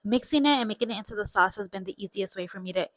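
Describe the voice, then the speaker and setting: A woman's voice: mid-range voice, racing, a bit bright, no room sound. A woman in her thirties chatting informally to viewers in a meandering way, as a stay-at-home mom vlogger on a clip-on mic. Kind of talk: casual vlog chat to viewers. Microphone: clip-on lapel mic.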